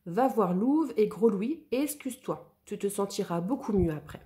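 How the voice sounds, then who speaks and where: A woman's voice: medium pitch, lively intonation, warm tone, natural voice. A woman voicing a kind, motherly female yeti who gives firm advice in a children's storybook. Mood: comforting. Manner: comforting yet brisk.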